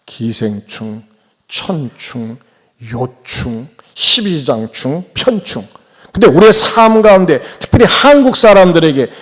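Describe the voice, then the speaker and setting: A man preaching a Sunday sermon as pastor, asking the congregation rhetorical questions and acting out the voices of complainers. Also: long reverb tail. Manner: swings between loud emphatic lines and quiet low endings.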